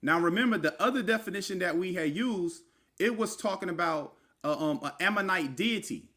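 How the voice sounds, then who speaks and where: A man's voice: sits high, expressive, moderate pace, fairly bright tone. A man casually teaching the meaning of scripture words, spelling them out letter by letter and calling the listener brother. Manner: informal, addresses listener as brother, many fillers and asides. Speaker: religious teacher. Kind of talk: casual online teaching with screen share.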